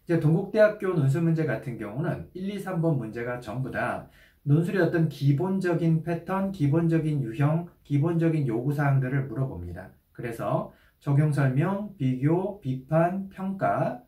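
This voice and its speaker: Calm, methodical male instructor, roomy sound. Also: fairly high pitch, normal speed, hardly any pauses, recorded from a distance. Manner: calm, methodical, addresses students directly. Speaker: essay exam instructor. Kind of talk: explanatory lecture.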